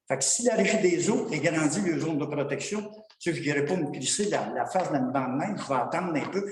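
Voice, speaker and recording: A man's voice: on the high side, expressive, brisk. A man with a Québécois French accent speaks from the floor at a town council meeting, rambling and frustrated in a colloquial way. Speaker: citizen at council question period. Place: municipal council hall. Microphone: far from the microphone. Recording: echoey hall, distant mic, noise.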